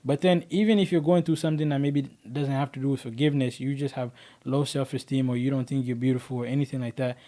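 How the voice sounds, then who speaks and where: Mellow-voiced Kenyan-born man telling his story. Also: mid-range voice, steady tone, fast. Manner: earnest, conversational, rambling with fillers. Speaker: podcast guest. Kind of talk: personal storytelling in an interview.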